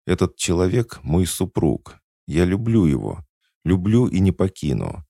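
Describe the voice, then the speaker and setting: A man with a gravelly voice reading the lines of a desperate, loving young woman who speaks in a trembling, pleading voice. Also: low voice, sing-song, a little slow, warm tone, no echo, studio quality, voice pushed up, exaggerated voice.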